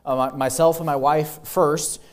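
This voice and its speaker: A man's voice: a little high, fairly even intonation, a little slow. A young man who grew up in Peru gives an earnest missions presentation in a church, with frequent ums and apologies. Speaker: missionary speaker. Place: church sanctuary.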